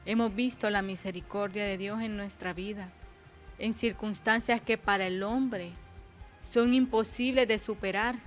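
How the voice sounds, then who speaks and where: A woman's voice: medium pitch, steady tone, faint music behind. A woman preaching a sermon at an intercession program, reading Bible passages aloud and often asking "¿verdad?" as she goes. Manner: slow, repeats "¿verdad?", reads scripture louder and slower.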